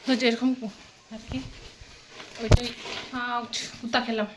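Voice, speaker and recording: A young woman chatting casually in a home vlog, sometimes speaking softly. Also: fairly high pitch, little pitch movement, unhurried, background noise. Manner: chatty, talks softly at times. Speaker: vlogger.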